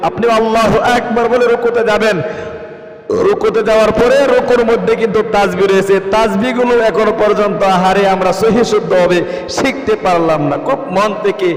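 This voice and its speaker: Man, high pitch, earnest prayer teacher, long hall reverb. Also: fairly even intonation, fairly quick. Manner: earnest, coaxing, repeats phrases word by word. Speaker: religious teacher. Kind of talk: prayer recitation lesson. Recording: roomy echo with long reverb.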